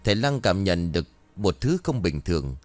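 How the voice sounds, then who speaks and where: A man narrating a ghost story in animated storytelling. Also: low-pitched, normal speed, no echo.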